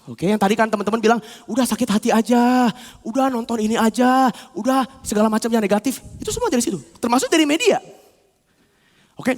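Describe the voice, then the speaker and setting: A man preaching a sermon as bishop in a church, animated and acting out inner dialogues. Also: very high-pitched. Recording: long church hall reverb.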